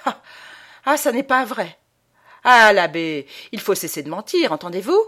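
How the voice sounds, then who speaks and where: A woman's voice: medium pitch, very animated, unhurried. A woman reading aloud and voicing a sneering, menacing young male vagabond who laughs at the priest. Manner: mocking, jeering, laughing.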